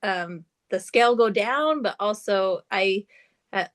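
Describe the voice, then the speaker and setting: A woman's voice: mid-range voice, lively intonation, slow. A woman sharing her experience as a guest on a video call, upbeat and candid. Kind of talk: casual chat on a video call.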